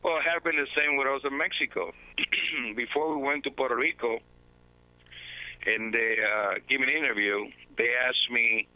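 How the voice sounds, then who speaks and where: Over a tinny phone connection from his home, a Dominican baseball manager speaks as an interview guest, recounting things earnestly and reflectively. His voice is medium-pitched, and there's no echo.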